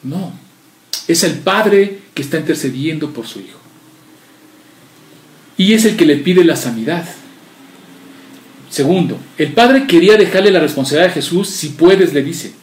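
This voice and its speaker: A man's voice: a little high, normal speed, pauses often, echoey room, recorded from a distance. A man preaching a sermon and explaining a Bible passage, acting out its dialogue with rising emphasis. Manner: animated, acts out biblical dialogue with rising emphasis.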